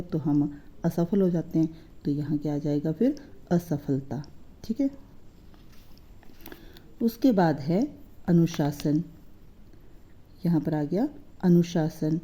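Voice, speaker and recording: A woman's voice: fairly low pitch, mellow. A woman teaching a lesson, explaining word meanings patiently and asking and answering her own questions. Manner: patient, repeats words slowly, asks and answers own questions. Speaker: Hindi teacher.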